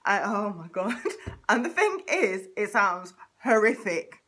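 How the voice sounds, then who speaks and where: A woman's voice: medium pitch, sing-song, takes it slowly, sharp tone, husky. A woman in her thirties with a Mancunian accent talks straight to camera in a chatty, comedic vlog. Her voice moves up and down a lot, and she slips into playful exaggerated takes on other people. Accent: Mancunian English. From Manchester, England. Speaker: vlogger.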